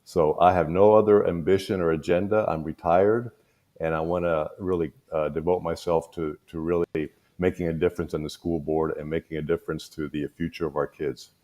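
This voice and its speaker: A Cuban-born man in his sixties, with a very low voice, introduces himself as a school board candidate in a casual panel chat. He speaks at an easy, relaxed pace, halting often and using many fillers.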